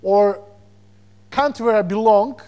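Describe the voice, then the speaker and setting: Preaching as a guest, this man from Slovakia speaks with a Slovak accent and a high, somewhat slow voice. He stays animated throughout, echoing his own words as he hunts for the right one, with chuckles between his points.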